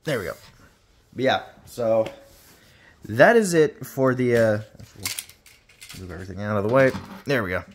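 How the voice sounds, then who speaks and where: A rambling, chatty man talks through a toy review at an ordinary pitch, tossing in a casual curse now and then. His voice rings with an echoey room reverb that hangs on every phrase. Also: animated, moderate pace, pauses often, a little hiss or hum. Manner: chatty, rambling, with playful swearing.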